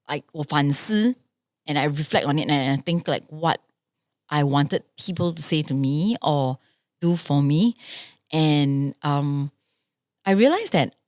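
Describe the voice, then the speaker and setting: A young adult woman co-hosting a podcast in casual chat, reflective and quick to murmur agreement. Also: low voice, dry recording. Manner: reflective, backchannels often with soft agreement. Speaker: podcast co-host, singer.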